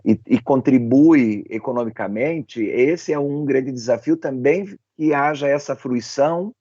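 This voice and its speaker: A man with a dark, relaxed voice of middle pitch gives a panel answer, often stopping to search for words. The sound is dull and roomy. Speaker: panel guest working in cultural production. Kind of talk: spontaneous panel discussion answer. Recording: echoey, dull, muffled sound.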